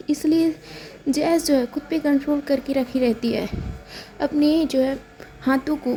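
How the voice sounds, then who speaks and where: A woman's voice: sits high, mellow, low-quality recording. A woman with an Indian accent casually narrating a romance story, repeating fillers as she goes. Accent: Hindi-speaking Indian. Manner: repetitive, filler-laden retelling.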